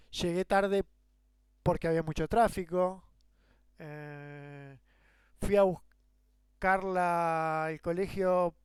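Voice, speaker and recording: Man, Rioplatense accent, grammar lesson, rhetorical questions, smooth resonant voice, dry close sound. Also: high voice, no room sound. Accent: Rioplatense Spanish. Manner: explains with rhetorical questions and worked examples. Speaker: teacher. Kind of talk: grammar lecture.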